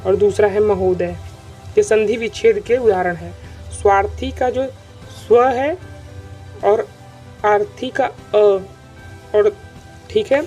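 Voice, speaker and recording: Male online teacher with a mellow, soft-edged voice. He repeats points and keeps checking in. Dull lo-fi sound. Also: high voice. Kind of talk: online grammar lesson. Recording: dull lo-fi recording with faint music.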